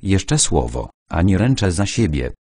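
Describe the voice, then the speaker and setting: A man voicing a nervous masked robber who barks rough, half-hysterical orders in an audiobook. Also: low voice, very animated, a little slow, mellow, no echo, studio quality, exaggerated voice. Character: nervous masked male robber, brutish and jumpy.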